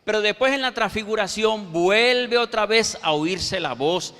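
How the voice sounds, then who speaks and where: A man preaching a sermon, quoting scripture verses with slow, emphatic pauses. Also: sits high, pushed and bright. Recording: reverberant hall.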